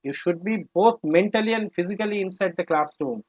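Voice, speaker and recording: Slow-spoken male teacher. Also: high-pitched, dull audio. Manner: firm, repeats prompts, mixes English and Bengali. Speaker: English teacher. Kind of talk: online class quizzing children. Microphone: video call.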